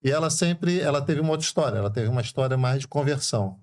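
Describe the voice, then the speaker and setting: A middle-aged man from Brazil with a Rio de Janeiro accent, a permanent deacon calmly telling his story in casual conversation, often adding tag questions. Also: mid-range voice, quick pace. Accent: Brazilian Portuguese, Rio de Janeiro.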